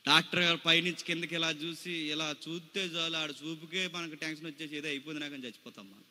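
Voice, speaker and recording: Male preacher, high and very bright, dramatic sermon delivery in a long reverberant hall. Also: fairly even intonation, fast. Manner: dramatic, acts out quoted voices, rhetorical questions.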